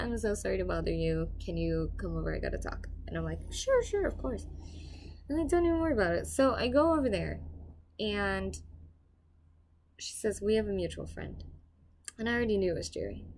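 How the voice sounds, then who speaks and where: A young woman tells a story in a casual vlog, jumping from loud excited bursts to low, hushed asides. Her voice sits at a middle pitch, with a faint hiss of background noise under it. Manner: animated, swings loud and quiet, swears casually. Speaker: property manager telling a story.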